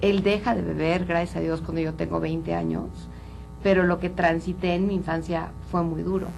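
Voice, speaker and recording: A woman's voice: fairly low pitch, steady tone, moderate pace, vocal fry, a little mellow, slight background noise, low-quality recording. A woman from Colombia, a psychologist speaking earnestly and openly as an interview guest. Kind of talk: candid interview talk.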